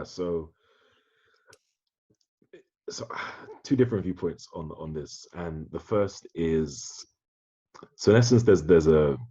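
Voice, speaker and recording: Very deep, husky-voiced man. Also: a little mellow, highs cut off. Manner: thoughtful, with frequent restarts. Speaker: podcast host. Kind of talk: conversational podcast discussion.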